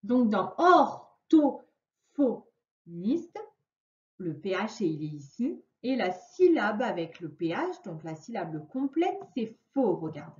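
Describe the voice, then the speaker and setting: Slow, animated woman teaching children. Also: medium pitch. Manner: slow and deliberate, stretching out each word. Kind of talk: slow, clearly articulated lesson for children. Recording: echoey room, dull lo-fi sound.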